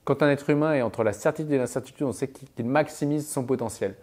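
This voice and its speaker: Speaking quickly at a medium pitch, a man with a slightly mellow voice plays the role of a mental performance coach. His advice and anecdotes come out emphatically, broken up by punchy little sound-effect interjections.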